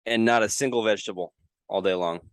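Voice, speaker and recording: A man's voice: lowish voice, fast, clear, resonant tone, dry recording. A man co-hosting a casual podcast, telling rambling stories with wry sarcasm. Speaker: podcast co-host. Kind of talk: casual chat.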